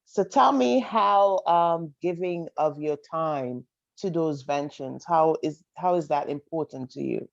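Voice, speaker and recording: A woman's voice: low-pitched, a little slow, gravelly, no echo. A woman hosting a podcast interview, asking questions in an encouraging, affirming way. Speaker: podcast host. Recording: dull, dry lo-fi audio.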